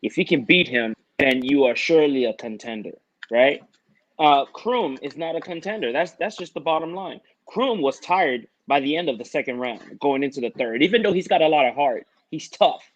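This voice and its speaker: A man co-hosting a casual podcast chat, measured in tone, explaining and repeating his points. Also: on the high side, animated, dull audio. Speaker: co-host.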